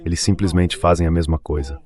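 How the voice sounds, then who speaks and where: Translating a political interview, an AI dub uses a synthetic text-to-speech male voice in a conversational style. It's deep and a little mellow, holding a steady tone at a brisk pace.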